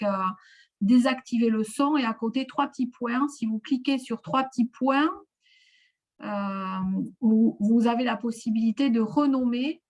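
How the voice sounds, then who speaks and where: A woman's voice: fairly high pitch, darkish tone. Hesitant woman explaining video-call steps. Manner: hesitant, many fillers and restarts. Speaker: webinar presenter. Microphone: video call microphone.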